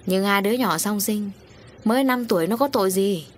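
A woman's voice: mid-range voice, brisk, slight background noise, natural voice. A woman voicing a guilty middle-aged husband who defends himself and pleads. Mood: defensive pleading.

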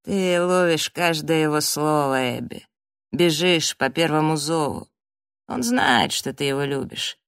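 A woman's voice: deep voice, measured pace, clear, resonant tone, dry recording, clean studio sound. A woman voicing a sneering, accusing young man in an audiobook, mocking and confrontational. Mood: cold taunting.

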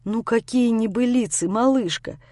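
A woman's voice: a little high, moderate pace, dark tone, dry recording, clean studio sound, natural voice. A woman voicing a young man who pleads with and soothes his upset girlfriend. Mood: flustered.

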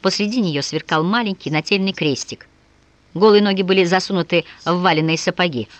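A woman narrating an audiobook with expressive, varied intonation. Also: on the low side, brisk, no room sound. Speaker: audiobook reader.

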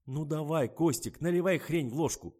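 A man's voice: a little high, normal speed, dark tone, voice pushed up, lightly acted. A man reading an audiobook, voicing a stern, blunt young woman. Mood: coaxing.

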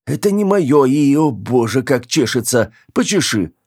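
A man's voice: on the low side, moderate pace, dark tone, slightly rough. A man reading an audiobook, voicing a panicked young woman stuck in a man's body, tearful, pleading and close to hysteria. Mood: panicky pleading.

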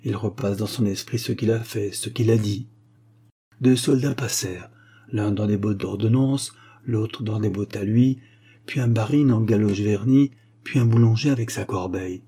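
A man narrating a classic story in a calm, measured way. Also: on the low side, slightly rough. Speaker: audiobook narrator.

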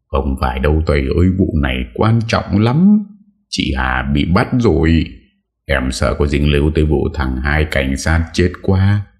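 A man's voice: a bass voice, expressive, a little slow, exaggerated voice. A man voicing a frightened young male deserter who pleads breathlessly in a raised voice. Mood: panicked. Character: panicked young male deserter, errand boy.

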